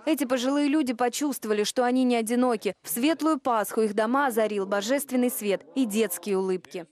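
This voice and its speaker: Higher-voiced woman narrating a news feature. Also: brisk, a little mellow. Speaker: TV news reporter. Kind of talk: scripted news feature voice-over.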